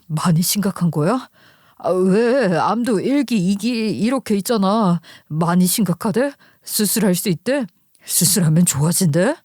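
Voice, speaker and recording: A woman doing a gentle, worried husband. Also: mid-range voice, lively intonation, measured pace, no echo, studio quality. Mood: concerned.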